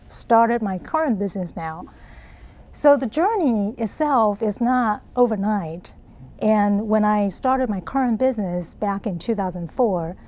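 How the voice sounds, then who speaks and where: A middle-aged woman with a Taiwanese accent, originally from Taiwan, is an interview guest who explains her ideas in an earnest way and laughs a lot. She has a warm, mid-range voice.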